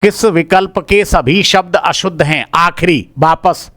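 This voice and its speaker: Male teacher, higher-pitched voice, casual answer-key walkthrough, repeats words as he checks them, dry close sound. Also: unhurried, a bit bright, dry recording. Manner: repeats each word aloud while checking it; informal, addresses listeners as brother.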